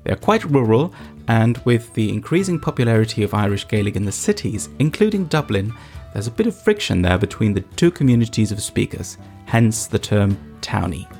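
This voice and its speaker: A man's voice: fairly low pitch, expressive, brisk, gravelly, darkish tone, faint music behind. A man presenting scripted documentary narration, explaining things and addressing the listener directly. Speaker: host, narrator.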